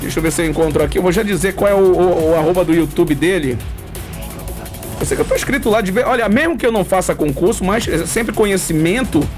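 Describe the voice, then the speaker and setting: A man, hosting a casual radio show with enthusiastic, rambling chat and shout-outs. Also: high voice, animated, fast. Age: 40s. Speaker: radio host. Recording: music bed under the talk.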